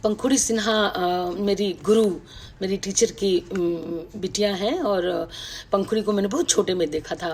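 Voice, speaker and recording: A middle-aged woman, a writer, recalling her past in a reflective, personal talk on a video call, with many pauses and fillers. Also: medium pitch, darkish tone, breathy edge. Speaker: writer speaking to an online audience. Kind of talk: personal reminiscence, casual talk.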